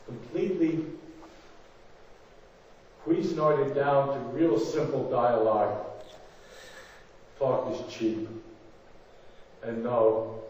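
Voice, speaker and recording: A man's voice: mid-range voice, fairly even intonation, slow pace, long pauses, a little mellow, a little hiss or hum. A man preaching as a rabbi, telling a story dramatically and acting out the voices he quotes. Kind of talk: sermon. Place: large synagogue sanctuary. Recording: echoey hall, distant dull mic.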